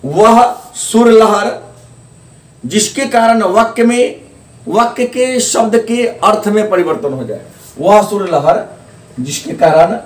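A man's voice: high voice, lively intonation, takes it slowly. A male teacher giving a grammar lesson, repeating key terms and asking questions he answers himself. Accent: Hindi, eastern. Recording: echoey room, mic at a distance.

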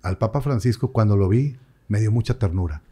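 Young priest, chatty storyteller, warm mellow voice. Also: male voice, on the low side, a little fast, husky. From Mexico. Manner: animated storyteller, acts out quoted voices. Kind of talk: casual interview chat.

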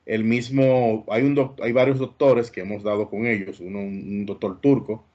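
A man's voice: on the low side, flat delivery, moderate pace, mellow, lo-fi sound. A man hosting an interview, earnest and cautionary in tone. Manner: earnest, warning tone. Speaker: host.

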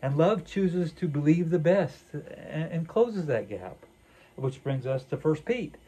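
An older man delivers a sermon in a relaxed back-and-forth, earnest and reflective, with frequent fillers. His voice sits slightly high but sounds dark and mellow. He is recorded on a camera at table distance in a small wood-paneled room. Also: a little slow, breathy edge. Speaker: pastor. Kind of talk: conversational sermon dialogue.

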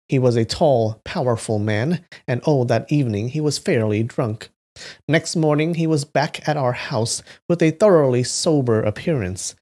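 A man voicing an elderly grandmother who tells a fox tale from her temple home, reading it aloud in a raised, gentle old-woman voice. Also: mid-range voice.

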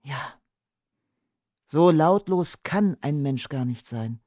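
A man's voice: on the high side, slow, no room sound, clean studio sound, pitched above the performer's own voice. A man voicing a spirited young woman. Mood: agitated. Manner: excited, insistent.

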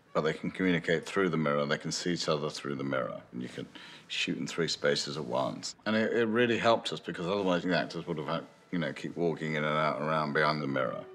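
An older man speaks in a very deep, low register, sitting for a documentary interview in a dim, lamp-lit room. He muses aloud as a screenwriter, circling back, restarting phrases and leaning on "you know" as he thinks. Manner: thoughtful, musing, with frequent restarts and "you know". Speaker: screenwriter interviewed about his film. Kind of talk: reflective interview answers. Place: dim indoor room with lamps behind. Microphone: medium shot, seated, unseen mic.

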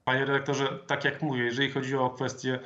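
A man in his thirties, a member of parliament, answering interview questions over a video call in a measured, formal way with some hesitant fillers. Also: mid-range voice, monotone, pushed and bright. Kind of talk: political interview. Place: home office with flag, indoors. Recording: dull lo-fi video call audio.

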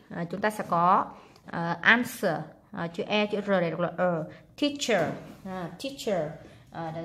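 A woman with a Vietnamese accent, an English teacher explaining exam answers in a relaxed way with many filler sounds. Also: fairly low pitch, a little hiss or hum.

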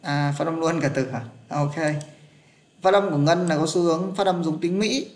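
A man's voice: on the high side, moderate pace, a little hiss or hum. A man, teaching an English pronunciation class online and patiently checking that his students are following.

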